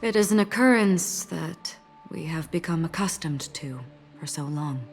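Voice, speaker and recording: A woman voicing an enigmatic, melancholy wanderer in a video game, speaking in a calm, measured, solemn way. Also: fairly low pitch, faint music behind. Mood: solemn, detached. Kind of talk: video game voice acting, dialogue. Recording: long reverb.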